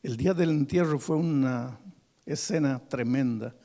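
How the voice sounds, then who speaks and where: A pastor telling a story in a sermon, swinging dramatically between hushed and forceful delivery in church. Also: male voice, mid-range voice, measured pace.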